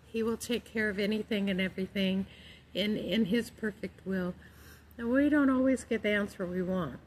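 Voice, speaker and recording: A middle-aged woman chatting casually to camera about faith in a calm, gentle, unhurried way. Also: mid-range voice, poor audio. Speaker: vlogger sharing her faith. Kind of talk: casual devotional chat to camera. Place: outdoors in a park among trees. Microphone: phone at arm's length. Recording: outdoor phone recording with background noise.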